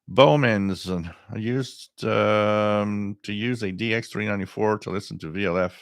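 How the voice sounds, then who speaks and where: Deep-voiced middle-aged man hosting a live stream. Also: steady tone, creaky, dry recording, studio quality. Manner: halting, with frequent pauses, reading out viewer comments. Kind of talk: casual live stream chat about radio.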